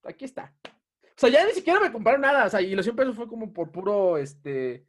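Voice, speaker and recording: A man's voice: high voice, sing-song, brisk. A young man with a Mexican Spanish accent, telling a story in a casual podcast chat and laughing often.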